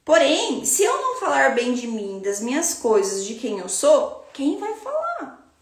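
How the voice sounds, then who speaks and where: A woman with a Brazilian Portuguese accent gives a spiritual self-help talk, her voice sitting high and her delivery slow and reflective. She speaks straight to the listener like a teacher. The sound carries the echo of a roomy space. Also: lively intonation.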